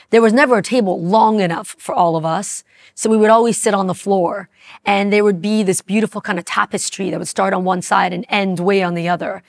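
Gravelly-voiced woman from Iran telling her story. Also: mid-range voice. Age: 40s. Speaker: interview guest. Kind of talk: personal storytelling.

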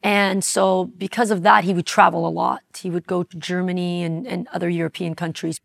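A woman in her forties from Iran, recounting her life story in a reflective, unhurried way. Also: lowish voice, little pitch movement, creaky. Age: 40s. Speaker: interview guest. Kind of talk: personal storytelling.

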